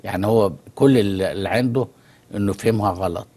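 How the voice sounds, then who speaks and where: An Egyptian man with an Egyptian Arabic accent, a talk show guest calmly explaining through stories. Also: lowish voice, fast talker. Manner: storytelling, calm and explanatory. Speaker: guest expert on immigration. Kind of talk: studio talk show conversation.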